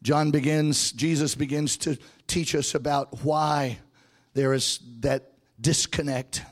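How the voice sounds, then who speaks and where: A man preaching a fervent revival sermon in the manner of a Southern preacher, using repetitive rhythmic phrases and call-and-response, moving between conversational asides and shouted, half-sung proclamation. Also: a little high, fairly even intonation, takes it slowly.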